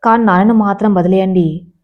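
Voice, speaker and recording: A woman's voice: medium pitch, fairly even intonation, fairly quick, natural voice. A woman narrator voicing a desperate young female employee who speaks in bitter, accusing tones. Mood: bitter accusation. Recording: slightly dull lo-fi sound.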